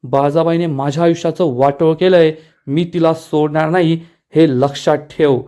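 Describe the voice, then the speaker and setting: A man's voice: a little high, steady tone, moderate pace, dark tone, lightly acted. A man reading the lines of an angry young man who is claiming his inheritance. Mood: angry, threatening.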